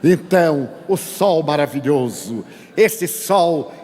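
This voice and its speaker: An older man from Bahia tells a story in a spiritist lecture, playful and humorous as he acts out both sides of the dialogue. His voice sits high for a man. The sound carries a long reverb from a large hall. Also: lively intonation, slow, a little mellow. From Bahia, Brazil. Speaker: spiritist speaker. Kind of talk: sermon-style lecture with anecdotes.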